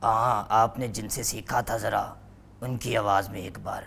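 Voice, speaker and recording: A man's voice: on the low side, fairly even intonation, gravelly, fairly bright tone, a little hiss or hum, voice pushed down. A man putting on the voice of a humble, fatherly old man.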